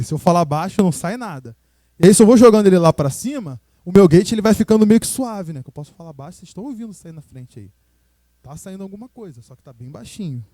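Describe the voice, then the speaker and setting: A Brazilian man with a fairly high yet mellow voice runs a hands-on class for a room of listeners. He explains in a relaxed, chatty way and keeps checking that people are following along. The sound is dry and close, with no room echo. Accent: Brazilian Portuguese. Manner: casual and explanatory, checks in with tag questions. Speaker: sound course instructor. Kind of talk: live hands-on demonstration lesson. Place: room with a live audience and a sound system.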